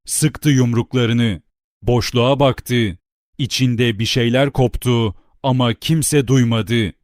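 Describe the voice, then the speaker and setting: A man reading a novel aloud as an audiobook narrator, in a steady, deliberate storytelling manner. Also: mid-range voice, dry recording, studio quality.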